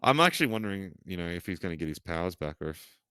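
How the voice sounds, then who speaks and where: Low, bright-voiced blunt man. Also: very animated, rapid-fire, clear, resonant tone, no room sound. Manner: blunt, swears a lot, trails off mid-sentence. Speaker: podcast co-host. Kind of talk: casual chat.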